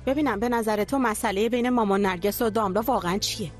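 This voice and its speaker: An actress playing a curious young adult daughter in a dubbed drama, earnest and questioning. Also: female voice, medium pitch, soft background music, natural voice.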